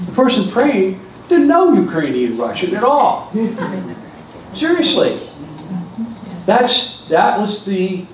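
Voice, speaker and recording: Standing at a lectern in a large hall, an older seminar speaker tells stories and gestures during a church talk. He has a high-pitched, darkish voice, picked up from afar with echo and a slight hiss or hum.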